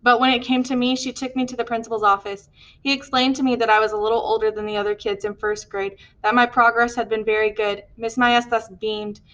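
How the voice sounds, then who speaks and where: A woman narrating an audiobook in a steady, earnest read. Her voice sits a little high for a woman. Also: a little fast, dull audio. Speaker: audiobook reader.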